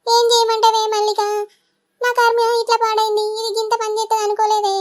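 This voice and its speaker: Wailing telangana village mother, super high, talks fast, shrill. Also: completely flat delivery. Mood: scolding. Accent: Telangana Telugu. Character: scolding middle-aged village mother, melodramatic. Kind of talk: cartoon voice acting.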